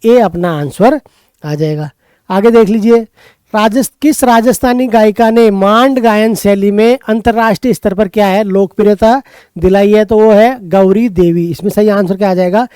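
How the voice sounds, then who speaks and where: A man's voice: sits high, normal speed, dark tone, clean tone, no echo. A man with a Rajasthani Hindi accent, walking through an exam paper as a tutor and answering his own quiz questions. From Rajasthan, India. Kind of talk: exam paper walkthrough lesson.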